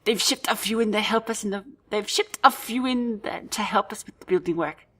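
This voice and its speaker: A woman's voice: medium pitch, fairly quick, a bit bright, slightly rough. A woman voicing a friendly male workman who drives a giant walking machine, speaking with a put-on foreign accent. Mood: polite.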